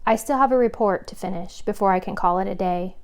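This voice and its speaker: Woman reading a male police chief, calm, serious, kindly, steady, mid pitch. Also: fast, natural voice. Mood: friendly. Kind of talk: audiobook character reading.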